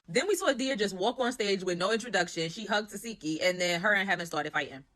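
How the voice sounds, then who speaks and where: Fast-talking, bright-voiced young woman recapping. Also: medium pitch, expressive. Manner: fast, opinionated and gossipy, with slangy asides. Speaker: reality TV recap host. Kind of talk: casual show recap.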